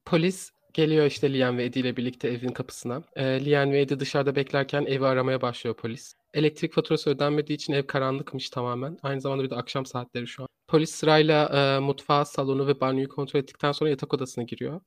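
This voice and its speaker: A man's voice: medium pitch, flat delivery, fast talker, hardly any pauses, dry recording. A man hosting a true crime podcast in a conversational way, often repeating and rephrasing his sentences as he searches for words.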